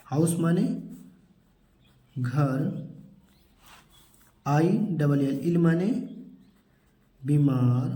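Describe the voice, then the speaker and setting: A man teaches children vocabulary, slowly spelling out each word and explaining it. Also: on the high side, warm tone, roomy sound, poor audio.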